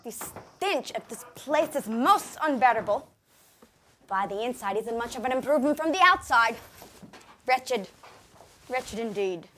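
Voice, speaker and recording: A haughty, prim city bride. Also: female voice, on the high side, lively intonation, unhurried, fairly bright tone, slight background noise. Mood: disdainful. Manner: prim, disdainful, overly formal. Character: haughty fussy city bride woman, disdainful. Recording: film soundtrack with faint music.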